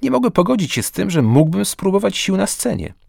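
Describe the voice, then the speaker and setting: A man voicing an earnest, good-humoured teenage student with a gentle way of talking. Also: high voice, sing-song, fairly quick, creaky, slightly rough, no room sound, clean studio sound, voice pushed up, heavily acted. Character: earnest, cheerful teenage student, theatre-minded.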